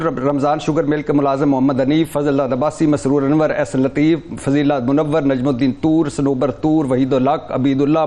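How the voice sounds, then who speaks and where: A man's voice: on the high side, warm tone. A man with a Pakistani accent, speaking as a guest commentator in a heated TV talk-show debate, emphatic and rattling off long lists of names.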